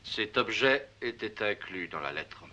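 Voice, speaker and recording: An actor playing a coldly authoritative, menacing magistrate in a dubbed period adventure series, speaking formally and sternly. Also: male voice, on the low side, lively intonation, measured pace, bright, forceful tone, highs cut off. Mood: cold, controlled.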